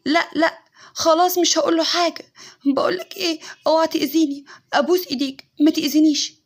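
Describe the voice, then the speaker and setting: A woman with an Egyptian accent voicing a young, mentally unstable wife who makes loud, frantic threats in a spoken story. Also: fairly high pitch, animated, fast, breathy edge. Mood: pleading. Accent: Egyptian Arabic.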